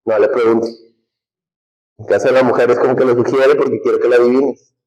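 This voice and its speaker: A man's voice: medium pitch, fairly even intonation, fairly quick, a little mellow, rough recording. A man teaching a humanities class, talking conversationally and putting questions to the students. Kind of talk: classroom lecture.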